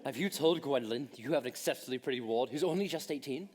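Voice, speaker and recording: A young man acting a witty, idle gentleman in a school stage comedy, with a playful, teasing delivery. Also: mid-range voice, quick pace, natural voice. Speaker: stage actor in a school play.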